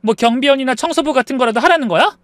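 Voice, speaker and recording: A man voicing an upset young wife who argues in a shrill, raised, accusing voice. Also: rapid-fire, dry recording. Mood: angry.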